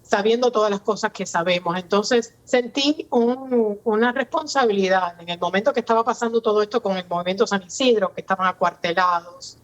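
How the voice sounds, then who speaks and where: A woman from Santiago de Cuba with an eastern Cuban Spanish accent, a guest speaking earnestly and reflectively in a relaxed interview. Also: medium pitch, brisk, hardly any pauses. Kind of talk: casual interview chat. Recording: slightly dull, muffled sound.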